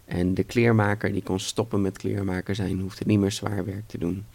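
A man's voice: lowish voice, little pitch movement, normal speed, vocal fry, darkish tone, breathy edge, no echo. A man, co-host of a podcast, telling a fairy tale and chatting about it with playful asides and laughs. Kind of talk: storytelling and casual chat.

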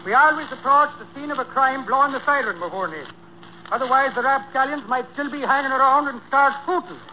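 An actor playing a blustering, pompous police officer with an Irish accent and a dopey bellow, in old-time radio comedy style. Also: male voice, very high-pitched, a little fast. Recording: dull, noisy old radio recording.

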